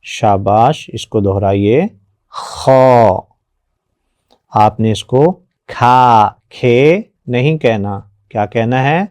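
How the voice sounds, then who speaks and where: A man teaching children their letters, patient and encouraging, often praising and drilling slow repetitions. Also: medium pitch, a little mellow, no room sound, studio quality. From Pakistan. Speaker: Quran teacher.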